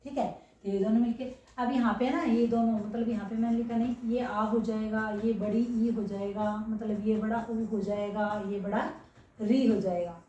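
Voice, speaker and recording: A woman's voice: fairly high pitch, steady tone, moderate pace, mellow, dull audio, a little hiss or hum. A woman teaching a grammar lesson, who keeps asking rhetorical questions and checking that her students understand. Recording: echoey room, voice from far off.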